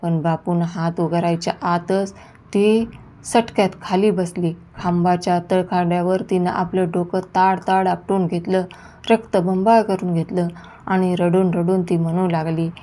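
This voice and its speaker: Low, mellow woman telling a story. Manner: steady, measured storytelling. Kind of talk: reading a short story aloud.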